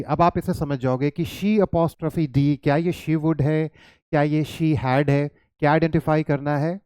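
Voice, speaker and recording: A man's voice: a little high, warm tone, clean tone, no room sound, clean studio sound. An Indian man teaching an English lesson, mixing Hindi and English and quizzing his students with coaxing questions. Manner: coaxing, questions to students, calls them "child".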